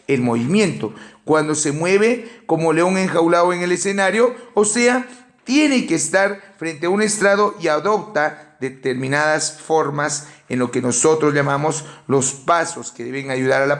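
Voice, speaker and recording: A man with a Peruvian Spanish accent giving a measured academic lecture, working through a numbered list of points. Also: on the high side, animated. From Peru. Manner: measured explanatory delivery with enumerations and fillers. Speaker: teacher.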